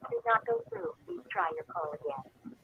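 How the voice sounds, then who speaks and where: Man, automated phone message, phone on speaker, tinny, noisy, high swinging pitch. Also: wildly swooping pitch, normal speed, creaky. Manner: recorded, formal announcer delivery. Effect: played over a phone speaker.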